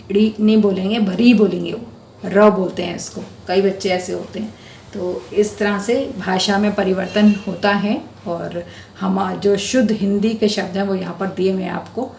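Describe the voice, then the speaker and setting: A woman's voice: medium pitch, vocal fry, a little mellow, roomy sound, slight background noise. A woman teacher patiently explaining a school Hindi lesson to children, step by step. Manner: addresses students affectionately as beta.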